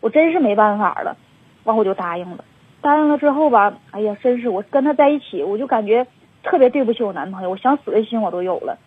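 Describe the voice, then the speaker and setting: Husky fast-talking Northeastern Mandarin woman. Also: on the high side, animated, no echo. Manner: rambling, many fillers, upset. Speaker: caller. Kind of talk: phone-in confession. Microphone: telephone. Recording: tinny dry phone line.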